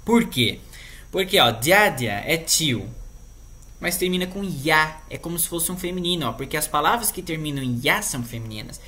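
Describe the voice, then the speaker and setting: A woman's voice: low voice, expressive, moderate pace, bright, forceful tone. A woman with a Brazilian Portuguese accent teaching a language lesson in a casual, chatty way, checking in with her students often.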